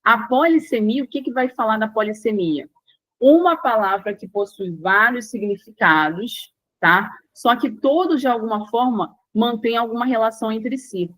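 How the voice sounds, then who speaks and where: A woman's voice: fairly high pitch, normal speed, a bit bright, dry recording, poor audio. A woman with a Brazilian Portuguese accent teaching an online language lesson, explaining in plain steps, repeating key points and checking in with her students.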